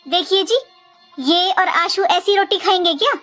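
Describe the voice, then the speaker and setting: A woman playing a middle-aged mother-in-law talks a lot in a very high voice. She scolds and lectures in a home comedy skit, and faint music runs behind her. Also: measured pace, a bit bright. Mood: complaining. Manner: scolding, talkative. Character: middle-aged mother-in-law, sharp-tongued but caring.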